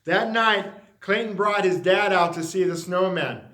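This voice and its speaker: With a high voice, a man reads a children's picture book aloud, animated in his storytelling and emphatic, deliberate in his phrasing. The sound is roomy and echoey.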